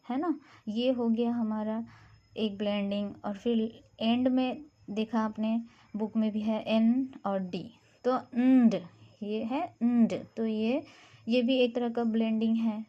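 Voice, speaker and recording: A woman teaching phonics in a slow, patient way, stopping to sound out single letters. Her voice is mellow and soft-edged. The recording is dull and muffled. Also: on the high side. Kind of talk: explaining a phonics lesson to parents.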